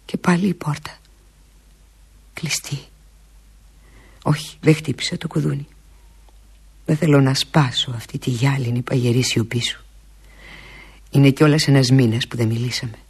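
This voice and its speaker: A woman performing a theatrical monologue as a lovesick woman pleading with an absent lover, intimate and often slipping into breathy half-whispers. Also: very deep voice, steady tone, long pauses, a little mellow, exaggerated voice. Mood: wistful.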